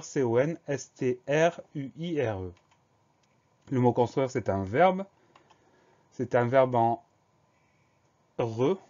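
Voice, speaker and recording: A man's voice: mid-range voice, darkish tone, muffled recording. A male teacher giving a spelling dictation lesson, breaking words into syllables and spelling them out letter by letter.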